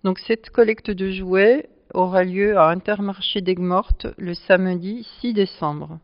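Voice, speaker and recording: A woman who presides over a charity club, answering interview questions at length and pausing often to find her words. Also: medium pitch, no echo. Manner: explanatory, speaks at length with frequent hesitations. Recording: dull lo-fi sound.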